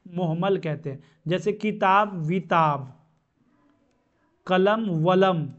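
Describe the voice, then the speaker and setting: High-voiced man teaching grammar, lo-fi sound. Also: slow pace. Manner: asks questions and answers them himself, repeats terms. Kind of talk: grammar lesson. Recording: dull lo-fi sound.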